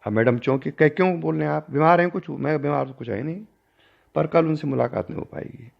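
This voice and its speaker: An older man, a spiritual teacher, recounting a personal story in a discourse and acting out the dialogue with changing pitch and loudness. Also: fast, vocal fry. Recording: dull lo-fi recording.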